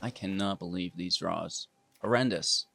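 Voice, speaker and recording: A man's voice: low-pitched, normal speed, creaky, pushed and bright, a little hiss or hum. A man giving casual, playful commentary over his own card game, teasing his opponent as he plays. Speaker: gaming video host.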